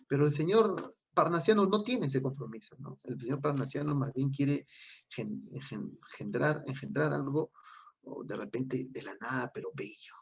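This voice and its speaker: A man with a gravelly, husky voice talks through literary history in a relaxed discussion. He explains at length and keeps checking in with his partner through tag questions. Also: medium pitch. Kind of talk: casual cultural discussion.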